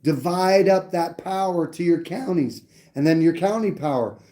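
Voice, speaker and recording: Blunt, rambling man with a mellow voice. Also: a little high, normal speed. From New Hampshire. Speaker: livestream host. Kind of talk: casual political talk.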